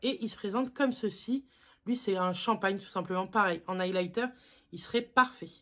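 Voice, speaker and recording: A woman's voice: medium pitch, moderate pace. A woman beauty vlogger talking casually through a makeup haul at home, chatty and self-mocking, with lots of fillers.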